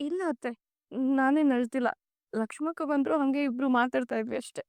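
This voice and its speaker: An actress playing a gentle young daughter-in-law in a television serial, speaking softly and hesitantly to her in-laws. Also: high-pitched, brisk, clear, resonant tone, no echo. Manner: soft, hesitant, placating. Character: gentle, troubled young wife.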